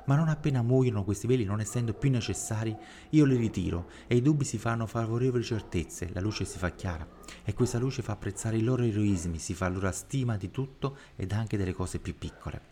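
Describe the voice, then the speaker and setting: A man reads prayers and devotional passages in a slow, reverent, measured way. His voice sits low and sounds very warm and mellow. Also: slight background noise. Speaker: reader of devotional texts.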